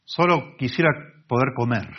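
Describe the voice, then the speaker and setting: A man acting a humbled young son who comes back to his father, earnest and imploring, in a husky voice on a muffled recording. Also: medium pitch, moderate pace, close to an everyday voice.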